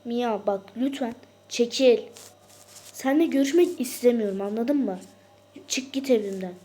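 A woman puts on a stubborn, furious girl who shouts her refusals in a toy role-play story. The voice is loud and defiant, with a mellow, soft-edged tone. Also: on the high side, normal speed, lightly acted. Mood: angry, defiant. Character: angry stubborn girl shutting out her friend.

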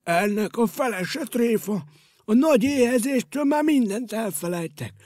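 A man's voice: very high-pitched, animated, darkish tone, no echo, clean studio sound, voice pushed up. An actor voicing a chocolate-obsessed round male creature who mumbles, frets and snaps in anger. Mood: muddled. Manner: mumbling, huffy, easily startled.

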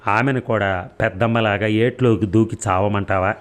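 A man's voice: fairly low pitch, fairly even intonation, moderate pace, close to an everyday voice. A man voicing a troubled older brother who talks wearily in an audio story. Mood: resigned.

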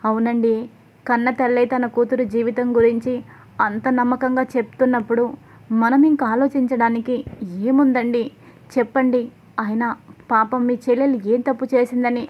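A woman's voice: fairly high pitch, little pitch movement, moderate pace, highs cut off, slight background noise, natural voice. A woman voicing a scolding middle-aged wife. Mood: persuading. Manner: scolding, sharp.

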